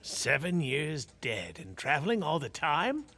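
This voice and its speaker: Sharp, high-pitched old Scrooge. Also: male voice, huge pitch swings, a little slow, full character voice. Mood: scoffing. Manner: sharp, querulous, theatrical. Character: crotchety, sceptical old miser facing a ghost. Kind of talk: audio theatre acting.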